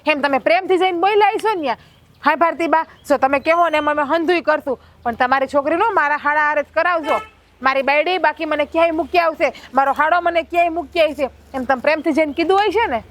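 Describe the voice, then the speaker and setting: A woman playing a sharp-tongued village wife who taunts her husband in a family drama. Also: sits high, fast talker. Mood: taunting.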